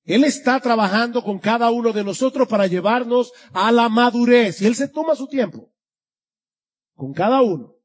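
Preaching an expository sermon to his flock, this male pastor has a very high-pitched, expressive voice and keeps a moderate pace. His earnest delivery rises and falls to stress key points.

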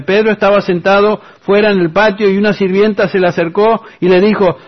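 A man's voice: high voice, lo-fi sound. A man preaching a sermon who reads scripture aloud and keeps asking the congregation rhetorical questions.

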